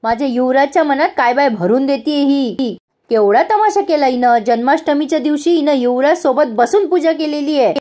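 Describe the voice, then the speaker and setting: A furious middle-aged mother-in-law, voiced by a woman, berating and ordering someone out in a harsh, scolding voice. The voice sits high for a woman. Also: normal speed, lightly acted. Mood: angry scolding. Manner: shouting insults, harsh and scolding.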